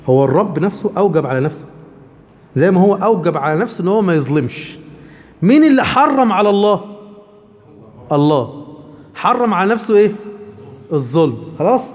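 A man's voice: high-pitched, very animated, a little fast, long pauses, darkish tone, big-room sound. A man with an Egyptian accent, explaining religious texts to a class and checking in with rhetorical questions. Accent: Egyptian Arabic. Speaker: religious teacher.

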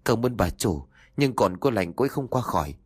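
A humble older village midwife who addresses her mistress with quiet deference, as a male storyteller voices her. She stays close to his own voice, with lively rises and falls in pitch and a dry, close sound. She belongs to a spoken audio story. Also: brisk, husky, dry recording. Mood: deferential.

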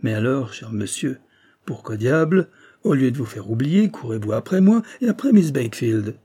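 A man voicing a cruel, drunken male despot who mocks his prisoners with gleeful menace and sudden shouts. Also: medium pitch, lively intonation, normal speed, slightly rough. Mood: taunting.

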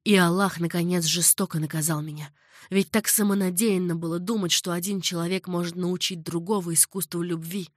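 A woman voicing a passionate young nobleman who is in love, speaking low, hushed and earnest. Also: fairly even intonation, brisk, no echo, clean studio sound, lightly acted. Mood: anguished.

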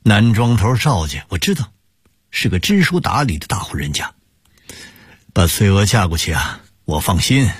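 A man's voice: on the low side, sing-song, normal speed, husky, no echo, studio quality, full character voice. A man voicing a jovial, doting middle-aged shopkeeper father. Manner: hearty, doting.

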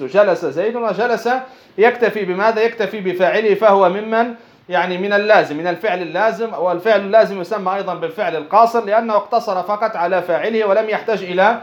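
A man with a high voice teaches at a brisk clip, explaining a grammar text line by line. He poses rhetorical questions and answers them himself, repeating phrases as he goes. The recording sounds dull and lo-fi. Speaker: Islamic studies teacher.

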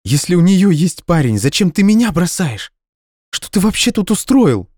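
A man voicing a hysterical young woman who shouts through tears in an audiobook. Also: wildly swooping pitch, a little fast, slightly rough, no echo, clean studio sound, heavily acted. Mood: furious, tearful. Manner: shrill, sobbing outbursts.

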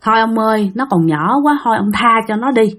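A woman voicing an old male exorcist who speaks gravely and pleads, with a Southern Vietnamese accent. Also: on the high side, expressive, fairly quick. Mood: pleading. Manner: pleading, solemn.

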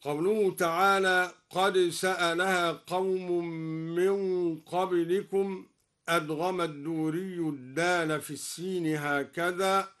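Egyptian sheikh teaching quran readings slow and careful, voice a bit high, chants the verses he quotes. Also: fairly even intonation, a bit bright. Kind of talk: scholarly explanation of Quran readings. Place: radio studio.

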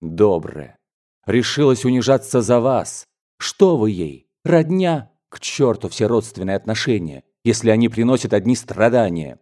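A man voicing a stern, cold father in an audiobook, speaking low and measured, stressing each word. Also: mellow, close to an everyday voice. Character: stern working-class father, cold and weary.

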